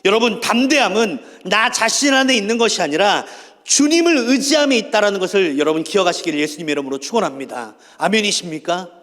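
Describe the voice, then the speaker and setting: High-voiced preaching man in reverberant hall. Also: animated, fast talker, fairly bright tone. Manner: preaching with calls to repeat and rhetorical questions. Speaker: pastor. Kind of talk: sermon. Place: church hall. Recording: long church hall reverb.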